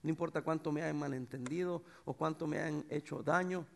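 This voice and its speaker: A middle-aged man preaching a sermon as pastor, swinging between loud bursts and soft, tender passages. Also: fairly high pitch, a little fast, vocal fry. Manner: animated preacher, swings from shouts to soft tones.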